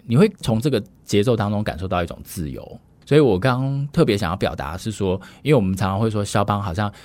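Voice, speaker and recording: Low-voiced scholar explaining. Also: male voice, expressive, darkish tone, no room sound. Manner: measured, lecturing with frequent fillers. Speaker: music scholar guest. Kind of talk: explanatory podcast conversation.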